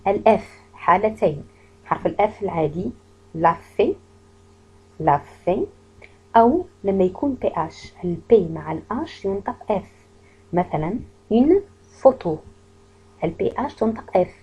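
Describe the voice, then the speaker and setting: A woman teaching a French pronunciation lesson, patiently saying each word slowly and then repeating it. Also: mid-range voice, animated, darkish tone, husky, highs cut off.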